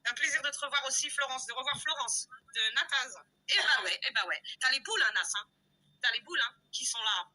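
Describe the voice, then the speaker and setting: A woman hosting a live stream, ranting loudly and confrontationally, hurling insults and repeating herself for emphasis. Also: high-pitched, lively intonation, a little fast, poor audio. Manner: loud-mouthed, insulting, confrontational; repetitive, emphatic, addresses viewers directly. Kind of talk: heated live-stream rant.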